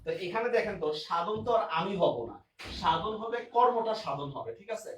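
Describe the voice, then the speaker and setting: With a high, animated voice and a brisk pace, a man runs an online grammar class, going over examples again and regularly checking comprehension. The audio has room echo, faint noise, and a far-off microphone.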